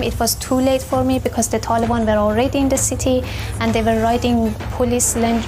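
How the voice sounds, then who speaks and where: A woman in her twenties from Afghanistan, recounting her own experience in a measured, reflective way with hesitant fillers. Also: fairly high pitch. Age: 20s. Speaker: documentary interviewee. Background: music.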